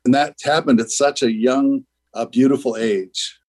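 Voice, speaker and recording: An older man with a mid-pitched voice talks as a radio guest. He is earnest and meandering, leaning on "you know" as he explains his faith and ideas. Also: fairly even intonation, normal speed, darkish tone, rough recording. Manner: earnest, rambling, many "you know" fillers. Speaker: guest, school founder. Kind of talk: radio interview.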